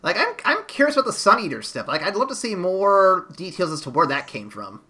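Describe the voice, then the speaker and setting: A man with a bright, forceful voice, pitched a little high. He chats casually about a film as host, wandering through restarts and fillers. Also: sing-song, a little fast. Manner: rambling, many restarts and fillers. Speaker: podcast host. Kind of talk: casual movie review chat.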